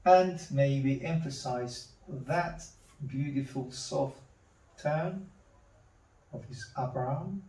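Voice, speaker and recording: A man demonstrating charcoal drawing, talking slowly to himself as he works and repeating words under his breath. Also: mid-range voice, dark tone. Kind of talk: thinking-aloud drawing demonstration. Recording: roomy, mic at a distance.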